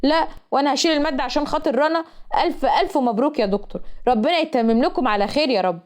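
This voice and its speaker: A woman's voice: high voice, rapid-fire, darkish tone, natural voice. A woman voicing a teasing young male student with an Egyptian accent. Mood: cheeky. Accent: Egyptian Arabic. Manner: teasing, cheeky.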